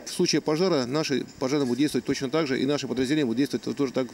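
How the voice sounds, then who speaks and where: Man, fifties, official interview, formal, rapid, faint outdoor noise. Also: mid-range voice, a little mellow. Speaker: district official. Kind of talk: on-camera news interview. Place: outdoors in snowy yard by a building. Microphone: handheld reporter microphone.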